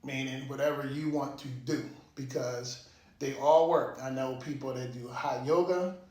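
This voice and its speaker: A man's voice: mid-range voice, fairly even intonation, a little slow, darkish tone. A man talks casually and informally in a motivational monologue, like a fitness vlogger, with the occasional swear word. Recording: echoey room.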